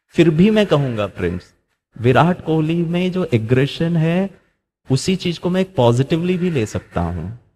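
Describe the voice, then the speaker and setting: Man giving a spirited motivational talk. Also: fairly high pitch. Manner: mixes English into Hindi, rhetorical questions; acts out quoted voices while telling stories. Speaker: spiritual speaker.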